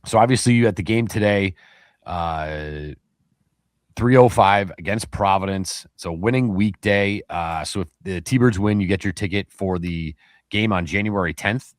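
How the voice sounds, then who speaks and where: Male podcast co-host, deep voice, dry close-miked sound, rambling casual delivery. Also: unhurried, no echo. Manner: rambling, many fillers and restarts. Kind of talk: casual sports chat.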